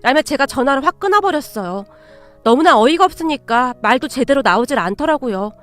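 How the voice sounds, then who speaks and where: A woman giving a scripted first-person story narration in an even, plainspoken reading. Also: high voice, fairly quick, faint music behind.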